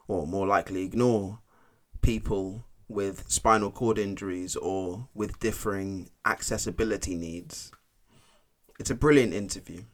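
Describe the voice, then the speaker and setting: Bloke hosting a podcast, fairly low voice, drops his t's, reading an intro in a playful way. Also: fairly bright tone. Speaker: podcast host.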